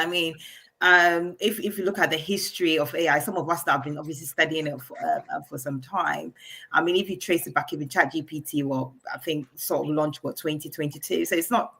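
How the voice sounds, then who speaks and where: Low-voiced woman on a video call. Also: pushed and bright. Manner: halting, many fillers and restarts. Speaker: AI coach for entrepreneurs.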